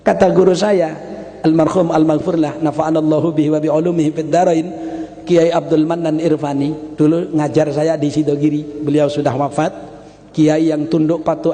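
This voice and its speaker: High-voiced preacher, echoey hall. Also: male voice, mellow. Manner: storytelling, singsong drawn-out lists. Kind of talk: humorous sermon. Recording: reverberant hall, faint background noise.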